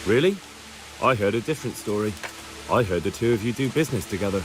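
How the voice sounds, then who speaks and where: A man's voice: fairly low pitch, expressive, fast, music in the background, close to an everyday voice, low-quality recording. A man voicing a determined, blunt young hero in a medieval video game. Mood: probing.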